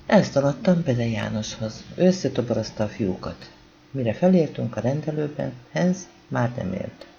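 A man with a gravelly voice reading a novel aloud as an audiobook narrator, calm and even, voicing the dialogue quietly. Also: mid-range voice, muffled recording, slight background noise. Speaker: audiobook reader.

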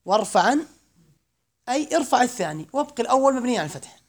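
A man giving a classroom grammar lesson, slowly reciting verse lines, then explaining them and quizzing his students. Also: very high voice, sing-song. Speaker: grammar teacher.

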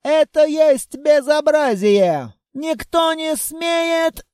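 A fat, pompous foreign villain, shrill and high, sputtering outrage in broken grammar, as a man puts him on. The voice is mellow underneath the shrieks and sits close and dry in a storybook reading. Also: expressive, extremely slow, no echo, heavily acted. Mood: indignant.

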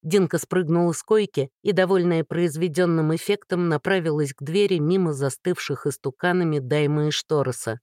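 Audiobook narrator, expressive reading, dry close sound, medium pitch. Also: moderate pace, hardly any pauses, no room sound. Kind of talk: scripted narration.

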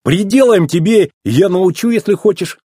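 Reading from a storybook, a man voices a rusty old tow truck: goofy, teasing and boastful, drawing out his words in a slow, sing-song drawl. His voice is pitched well above a typical man's and swoops widely with lively intonation, warm but with a husky edge. It sounds close and dry, with no room sound.

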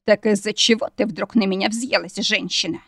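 A growling, hot-tempered demon husband, read by a woman in an audiobook. His husky voice stays fairly plain, in a close, dry recording with no room sound. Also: mid-range voice, fairly even intonation, normal speed, fairly bright tone, dry recording. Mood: mocking. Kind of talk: audiobook character reading.

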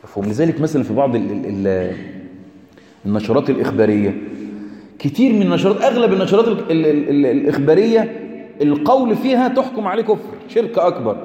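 A man's voice: a little high, lively intonation, fast talker, pauses often, mellow, dull audio. A man with an Egyptian Arabic accent teaching a religious lesson, asking his listeners rhetorical questions and repeating his key points for emphasis. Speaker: preacher. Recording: echoey hall.

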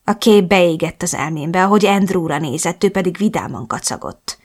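A woman's voice: lowish voice, lively intonation. Emotional woman narrating an audiobook. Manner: emotional, melancholic storytelling. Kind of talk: first-person novel narration.

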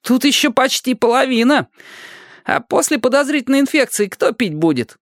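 A reader voicing a cheeky young boy who teases his friends in a squeaky, mocking voice in a storybook reading. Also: sing-song, normal speed, no room sound, studio quality. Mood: teasing. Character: cheeky mischievous young boy, teasing prankster.

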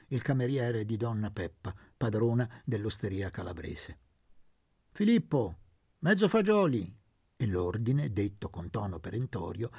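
A man reading a literary novel aloud as narrator, measured and expressive. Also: medium pitch, gravelly, slightly rough, no echo, clean studio sound. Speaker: audiobook reader.

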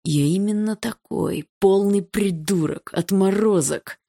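A cocky teenage boy drawls and mocks at an unhurried pace, as a woman puts him on. The voice sits low for a woman and stays cool and taunting. An audiobook character voice. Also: animated, vocal fry, darkish tone, full character voice.

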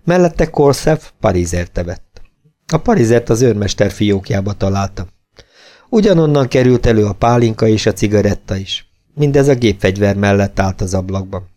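A man narrating an audiobook in a steady, measured reading voice. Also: fairly low pitch.

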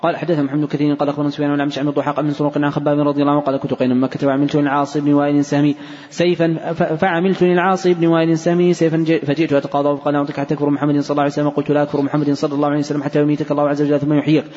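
A man reading hadith texts aloud in a fast, even recitation, recorded in a large mosque hall. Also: a little high. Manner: fast, even, unbroken reading with brief slips. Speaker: hadith reader. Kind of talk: rapid recitation of hadith text. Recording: dull recording in a reverberant hall.

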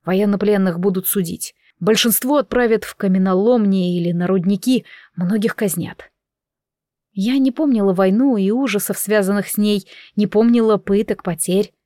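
Woman narrator, audiobook reading, slow and emotional, dry close sound. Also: mid-range voice, dark tone, no echo. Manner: slow, measured and emotional, voicing all characters.

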